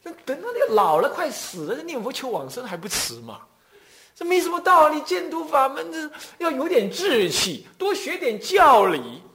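A man's voice: very high voice, sing-song, moderate pace, a bit bright, pitched above the performer's own voice, full character voice. Monk putting on a preachy young college guy. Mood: scolding. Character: young male college peer, preachy and scolding.

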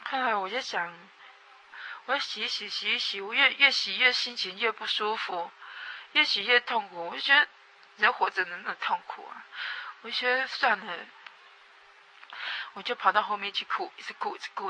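Young woman, halting personal testimony, repeats words, higher voice. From Taiwan, Atayal people. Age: young adult. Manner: halting, repeats words, lively swings between loud and soft. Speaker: guest giving personal testimony.

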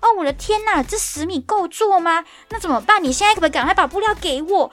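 A woman mimicking a shrill, panicky female coworker. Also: expressive, quick pace, soft background music. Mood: panicked. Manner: shrill, alarmed, nagging repetition.

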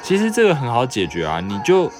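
A young man with a Taiwanese Mandarin accent hosts a relaxed livestream. He reads viewer questions aloud and answers them in a joking, offhand way. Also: medium pitch, fast talker, music in the background. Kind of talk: casual livestream chat.

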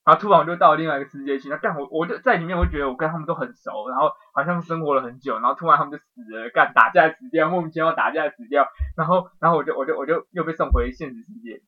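A man tells a dream in a rapid, excitable rush that tumbles from one scene to the next. His voice sits on the high side. The recording sounds dull and lo-fi, like a home podcast. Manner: excitable storytelling, rapid, swears casually. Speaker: podcast co-host. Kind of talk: casual chat, telling a dream.

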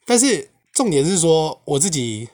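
A man's voice: on the high side, very animated, moderate pace, darkish tone. A man hosting his own podcast as an English teacher, talking casually in a chatty way with many rhetorical asides and frequent switches into English phrases. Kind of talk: casual solo podcast talk.

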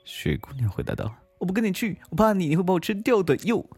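A woman voicing a timid young snow maiden girl who sobs, stammers and pleads in a high, quick voice. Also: very animated, darkish tone, slightly rough, no echo, faint music behind. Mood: refusing. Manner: wailing, stammering, fast high sobbing speech.

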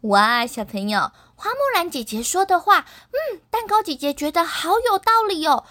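A woman narrating a children's story in an animated way, speaking directly to the children. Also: very high voice, normal speed, dry recording, studio quality.

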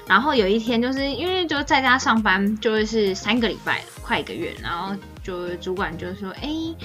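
A woman's voice: mid-range voice, fairly quick, soft background music. A woman, co-hosting a podcast and telling a rambling story in casual chat. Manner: animated, rambling, acts out quoted dialogue.

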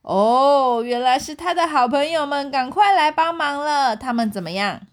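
A young woman with a Taiwanese Mandarin accent reads a picture book aloud to her child at bedtime. Her voice sits slightly high. It swoops expressively through the story. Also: expressive, normal speed. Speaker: parent reading to a child.

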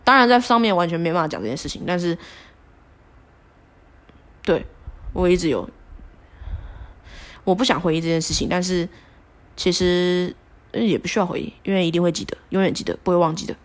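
A woman telling a personal story on a podcast, animated and self-deprecating with many fillers. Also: fairly low pitch, brisk, pauses often. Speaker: podcast host.

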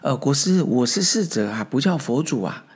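A man's voice: medium pitch, expressive, normal speed, breathy edge, voice pushed up. A man putting on a puzzled young monk attendant. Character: eager young male monastery attendant, puzzled.

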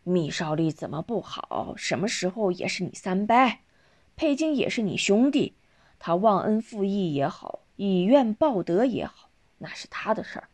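A woman's voice: medium pitch, normal speed. A woman reading the lines of an earnest, principled older man in a spoken storybook. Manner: earnest, steady reasoning.

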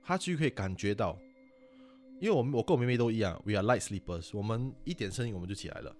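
一位新加坡口音的年轻男子，用夹杂英文的华语随意地讲鬼故事。. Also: male voice, fairly low pitch, quick pace. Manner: animated, mixes English words into Mandarin. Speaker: podcast guest storyteller. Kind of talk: casual ghost-story chat.

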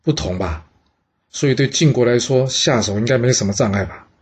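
A man's voice: medium pitch, a little fast, a little mellow, breathy edge, close to an everyday voice. A man voicing an aging male envoy who reasons earnestly, step by step. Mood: persuasive. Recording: dull lo-fi audio.

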